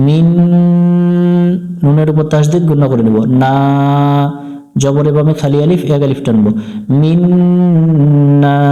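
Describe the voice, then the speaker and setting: A man teaching Quran recitation, splitting words into syllables, explaining how long each vowel is held, and chanting whole verses slowly and melodically. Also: fairly high pitch, dark tone. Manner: breaks words into syllables and explains elongation rules.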